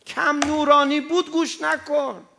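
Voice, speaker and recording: Male preacher, gravelly, high-pitched, impassioned delivery swinging loud to soft. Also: little pitch movement, slight background noise. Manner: impassioned, swings from loud exhortation to quiet anecdote. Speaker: cleric. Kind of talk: sermon.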